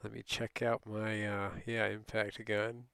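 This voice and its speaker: A man's voice: fairly low pitch, little pitch movement, a little slow, gravelly, a bit bright, smooth, no echo. A middle-aged man telling a rambling, casual late-night story as a streamer, often laughing and quoting people.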